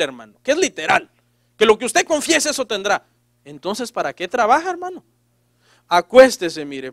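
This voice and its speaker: A man delivers a sermon in a fairly high voice, teasing his listeners with sarcastic jokes. He acts out the people he quotes in changing voices. The sound is dry, with no room echo. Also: a bit bright. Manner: sarcastic, joking preacher. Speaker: pastor. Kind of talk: preaching a sermon to a congregation.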